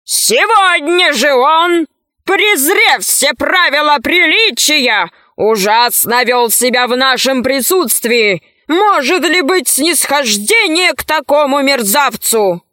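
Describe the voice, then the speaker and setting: A woman's voice: high-pitched, lively intonation, takes it slowly, sharp tone, no echo, clean studio sound, exaggerated voice. A woman voicing a pompous fat male official who proclaims verdicts at a trial in a storybook reading. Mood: proclaiming.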